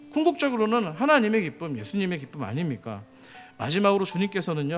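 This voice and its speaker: A man preaching a sermon as pastor, often putting questions to the congregation. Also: high voice.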